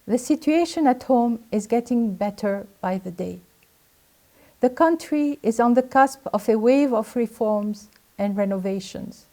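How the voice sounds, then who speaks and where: At a graduation, an older woman from Lebanon reads a formal prepared address, earnest and exhorting. Her voice is set a little high and has a mellow tone.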